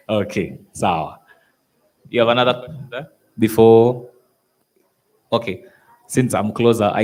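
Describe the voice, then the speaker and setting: A man runs the floor at a panel forum. He is brisk, pushing the questions along quickly. His voice sits somewhat low. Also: gravelly, darkish tone. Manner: brisk, hurrying speakers along. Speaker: moderator. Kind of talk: moderating a panel.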